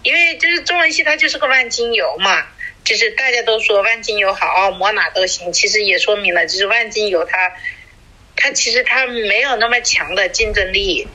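On a low-quality recording, a woman in her forties from a small Chinese city chats as a podcast co-host. Her mid-range voice is sharp and a little fast, and her casual talk wanders with many fillers and restarts.

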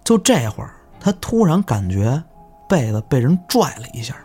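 A man telling village ghost stories in casual chat, animated and swearing in surprise. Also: mid-range voice, moderate pace, breathy edge, faint music behind. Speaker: guest storyteller. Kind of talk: casual spooky storytelling.

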